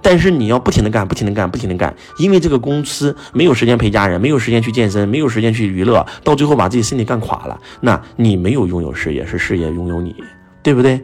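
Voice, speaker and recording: Animated male motivational speaker, husky voice. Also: fairly low pitch, fast, faint music behind. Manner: animated, rhetorical questions, storytelling. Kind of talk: motivational lecture to an audience.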